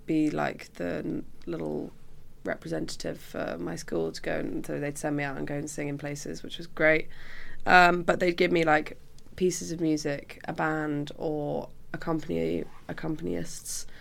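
A woman's voice: deep voice, normal speed, gravelly. A young woman from Cumbria with a British accent, chatting casually and informally as an interview guest. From Cumbria, England. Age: young adult. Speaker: musician guest.

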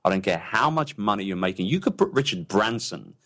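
A man's voice: fairly low pitch, sing-song, brisk, fairly bright tone. A man being interviewed about his businesses, speaking with enthusiasm and rambling through many restarts. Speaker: entrepreneur guest. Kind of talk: casual interview talk.

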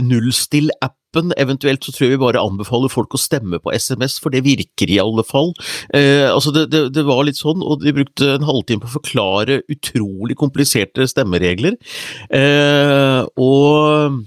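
A man's voice: medium pitch, dry recording, studio quality. A man co-hosting a podcast, chatting casually with lots of hesitations and restarts. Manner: hesitant, many fillers and restarts. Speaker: podcast co-host. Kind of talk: casual chat.

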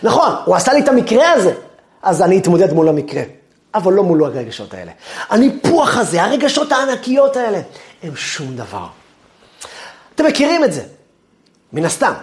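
Male rabbi, torah lesson, lively pitch swings, acts out angry voices, soft low phrase endings. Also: long pauses. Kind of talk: Torah lesson on the weekly portion.

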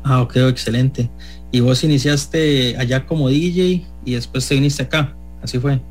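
A man hosting a radio show, chatting quickly with filler words while interviewing a guest. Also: medium pitch, steady tone. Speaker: radio host.

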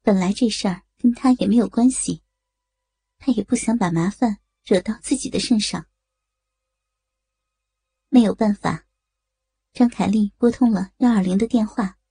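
Woman narrating, soft dark husky voice. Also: medium pitch, no room sound. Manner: steady storytelling. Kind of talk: scripted story narration.

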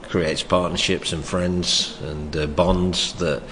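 Slow and flat, the deep, loud voice of an older man recalls his days as a soccer coach in a reflective oral history interview. He hesitates a lot, restarting his sentences and chuckling. The recording carries long reverb and a little background noise.

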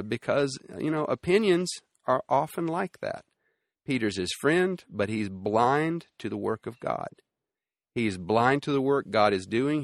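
A man delivers a sermon in a relaxed, conversational way, repeating key phrases for emphasis and pausing on fillers as he thinks. His voice sits fairly low, and the recording is dry and close. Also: no echo. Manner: conversational teaching with frequent fillers and restarts; emphatic repetition. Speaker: preacher.

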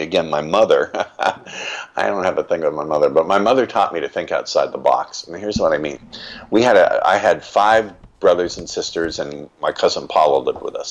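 An older man, a guest in an interview, telling stories from his life in a reflective, emphatic way. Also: deep voice. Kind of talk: reflective storytelling.

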